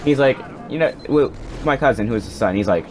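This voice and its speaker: A man's voice: mid-range voice, lively intonation, brisk, faint music behind. A young man casually telling a personal story, rambling, swearing and restarting his sentences on a cheap home microphone. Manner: rambling, profane, self-interrupting. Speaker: storyteller vlogger.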